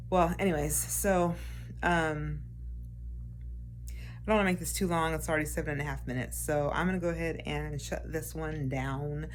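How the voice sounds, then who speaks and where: A woman's voice: sits low, slight background noise. A woman in her late forties rambling casually in a personal vlog, with frequent fillers and restarts. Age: 40s. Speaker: vlogger.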